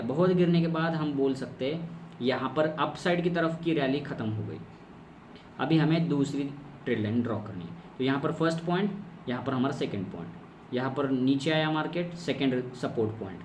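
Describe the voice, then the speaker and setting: Here the trading instructor has a mid-range, darkish voice as he explains a chart strategy step by step, repeating key terms and quizzing himself. The screen-recorded lesson has a distant mic, an echoey room, and faint background noise.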